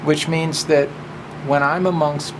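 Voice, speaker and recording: A slightly high-voiced man, a presenter and drag performer, speaks casually and deliberately, stretching out words for emphasis as he gives a personal talk and introduces story hour. The recording is clear, with a steady background hum.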